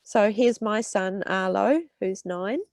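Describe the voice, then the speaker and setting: She speaks slowly in a mid-range voice, with no room sound in the recording. A thirtysomething urban health researcher from New Zealand with a cold and blocked nose, she gives students a warm explanation peppered with fillers and restarts.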